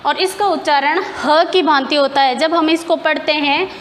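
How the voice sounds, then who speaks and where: A woman's voice: high voice, moderate pace, in a large hall, a little hiss or hum. A woman teacher explaining grammar step by step in a classroom lesson, asking questions and answering them herself.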